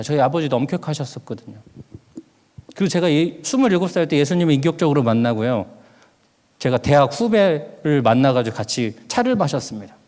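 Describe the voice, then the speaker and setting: The sermon comes from a middle-aged male pastor whose voice is on the high side and a little mellow, as he tells a personal story and acts out things he once said. It was recorded in a church sanctuary with long hall reverb.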